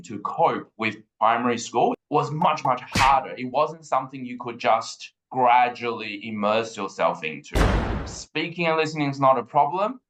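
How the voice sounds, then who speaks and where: A Taiwanese man in his thirties, medium-pitched, appears as a guest educator on a podcast interview, with background noise in the audio. He talks thoughtfully and in a measured way, often saying "um."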